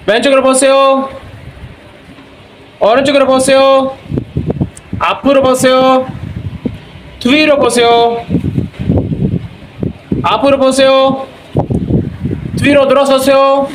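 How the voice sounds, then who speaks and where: A male instructor from Pakistan with a very high voice leads a language class. He talks slowly and deliberately in a noisy room, repeating short commands. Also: little pitch movement. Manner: brisk, repetitive commands.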